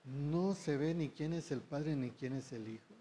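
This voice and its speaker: A man's voice: fairly high pitch, unhurried, mellow, slight background noise. A man preaching a sermon, often checking in with the congregation through short rhetorical questions.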